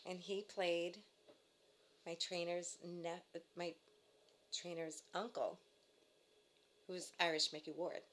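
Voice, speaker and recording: A woman with a Boston accent, a guest from Lowell chatting casually on a talk show. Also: flat delivery, slow pace, long pauses, fairly bright tone. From Lowell, Massachusetts, USA. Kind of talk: casual chat.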